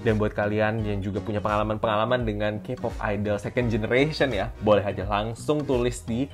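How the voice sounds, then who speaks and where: A young man from Indonesia chats through his stories in a casual vlog, calling out to viewers as he goes. His voice sits a little low. Faint music plays underneath. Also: steady tone, brisk. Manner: chatty, addresses viewers as "guys". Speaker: vlogger. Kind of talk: casual storytelling to camera.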